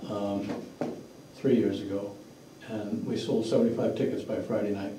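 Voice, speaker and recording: At a town meeting, a fundraiser organizer speaks bluntly and matter-of-factly in a fairly low, flat voice at a moderate pace. A distant room mic in a mid-sized, echoey indoor meeting room picks him up, with noise in the background.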